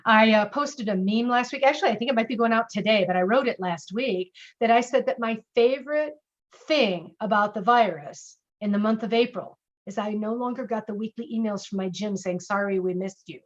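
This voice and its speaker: Middle-aged female trainer, higher voice, animated and conversational, muffled webinar sound. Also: fairly quick. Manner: lively, conversational, acts out sample lines. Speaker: speaker and customer service trainer. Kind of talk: casual webinar teaching.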